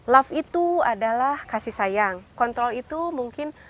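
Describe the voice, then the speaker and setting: A woman's voice: fairly high pitch, expressive, a little slow, fairly bright tone. A young adult woman giving a seminar to parents, going through numbered points, often calling the audience "Bapak Ibu" and acting out what parents say. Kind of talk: instructive talk to parents.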